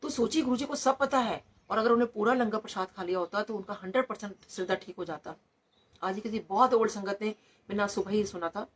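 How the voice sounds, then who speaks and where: Speaking fast in a mid-range, slightly rough voice, a middle-aged woman who works as a doctor recounts devotional stories at a satsang. English words keep cropping up in her narration.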